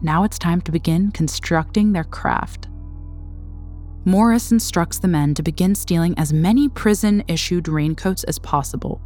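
Low-voiced woman narrating a documentary. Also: darkish tone, soft background music. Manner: measured, dramatic storytelling. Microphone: studio voice-over.

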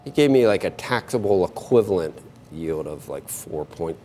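A man's voice: sits low, lively intonation, normal speed, warm tone, a little hiss or hum. A middle-aged or older American man co-anchoring financial news, chatting off the cuff about markets, digressing and restarting his phrases. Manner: rambling, digressive, repeats and breaks off phrases. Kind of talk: unscripted market chat and commentary.

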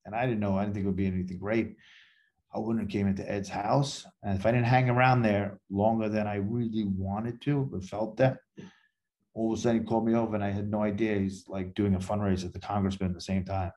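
A man's voice: lowish voice, steady tone, fast talker, a little mellow. A man, a podcast guest telling rambling anecdotes and acting out the dialogue in them. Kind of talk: casual storytelling interview.

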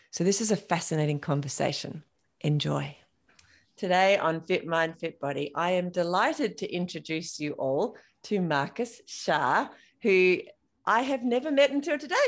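A woman's voice: on the low side, creaky. A woman hosting a podcast, chatty and friendly, talking with her guest over a video call. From Australia. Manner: friendly, chatty, laughs often. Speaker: podcast host. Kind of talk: casual interview chat.

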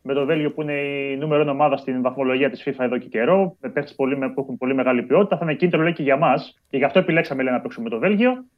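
A man's voice: mid-range voice, hardly any pauses. A man reporting on national football team news as a guest on a live show. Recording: dull lo-fi call audio.

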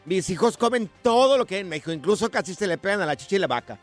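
A man's voice: sits high, lively intonation, rapid-fire, faint music behind. A man co-hosting a comedic radio show, joking and teasing his co-hosts in casual banter. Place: Los Angeles radio studio.

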